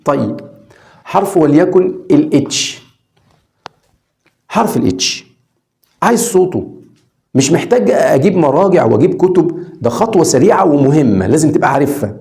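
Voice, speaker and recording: A male Egyptian Arabic speaker teaching English from scratch, with a mellow, gravelly tone. His pitch rises and falls a great deal as he poses questions and answers them himself. He repeats letter sounds slowly so learners can follow. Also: lively intonation. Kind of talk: online lesson for beginners.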